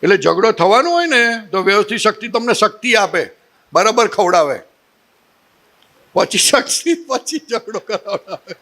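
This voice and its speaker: A man's voice: high-pitched, moderate pace. A man with a Gujarati accent giving a spiritual satsang talk, telling stories with humor and asking the audience questions. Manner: humorous, animated storytelling with rhetorical questions. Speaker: spiritual teacher.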